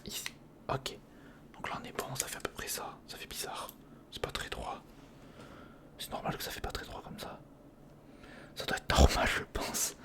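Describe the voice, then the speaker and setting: A man hosts an ASMR video, whispering through a casual, improvised build-along. Breathy and mostly voiceless, he mutters hesitantly to himself and chats with whoever's watching.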